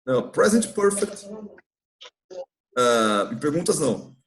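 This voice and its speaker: In a church classroom, a Brazilian man teaches English, patiently explaining grammar and regularly checking with his students. His medium-pitched voice is sing-song and slow, with a little hiss or hum on the recording.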